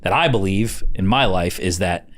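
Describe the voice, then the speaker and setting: A man with a New York accent, co-hosting a podcast, relaxed, retelling things he heard with lots of fillers. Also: low voice, moderate pace. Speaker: podcast co-host. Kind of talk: casual chat.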